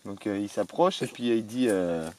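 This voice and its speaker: A man's voice: lowish voice, animated, moderate pace, mellow, a little hiss or hum. A man chatting casually outdoors in a forest at night, telling jokes with lots of hesitations. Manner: joking, storytelling with hesitations. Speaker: vlogger. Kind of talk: casual chat.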